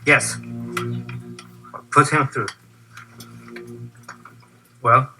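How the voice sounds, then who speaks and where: An actor playing a gruff government official who answers tersely. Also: male voice, medium pitch, fairly even intonation, extremely slow, poor audio.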